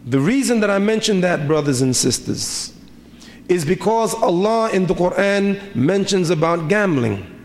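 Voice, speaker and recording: A man's voice: high voice, lively intonation, unhurried. A middle-aged man preaching a sermon as an imam, with a rhythmic delivery full of repeated rhetorical questions. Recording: reverberant hall, faint ambience.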